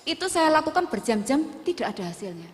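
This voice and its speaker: A woman's voice: sits high, very animated, brisk. A middle-aged woman giving an emotional testimony as preacher at a women's church service, slipping in words. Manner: storytelling with Javanese words mixed in, emotional. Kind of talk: sermon testimony. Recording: long reverb of a church hall.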